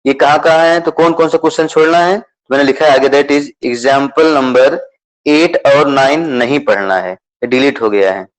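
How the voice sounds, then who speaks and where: A man's voice: mid-range voice, steady tone, moderate pace, low-quality recording. Male math teacher, patient and repetitive, mixing English terms into Hindi, checking in with the class often. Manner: repetitive, checks understanding with questions. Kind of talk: explaining a syllabus to students.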